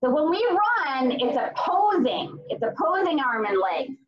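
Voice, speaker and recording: A woman's voice: sits high, sing-song, measured pace, dull audio. A woman speaking as an aerobics instructor for kids, calling out drills and counts in short, encouraging commands. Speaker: kids' fitness instructor.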